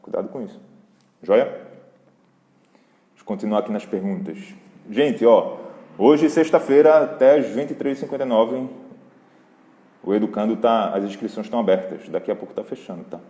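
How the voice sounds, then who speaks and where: A man with a Brazilian accent, hosting a live parenting Q&A in a relaxed, conversational way and talking straight to his viewers. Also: lowish voice, moderate pace, long pauses. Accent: Brazilian Portuguese. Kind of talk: casual live Q&A talk. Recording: roomy hall echo.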